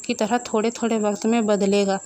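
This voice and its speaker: A woman's voice: medium pitch, flat delivery, a little fast, mellow, close to an everyday voice. A woman voicing a sly, mocking ghost shopkeeper who laughs as he speaks. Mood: ominous. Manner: laughing, ominous.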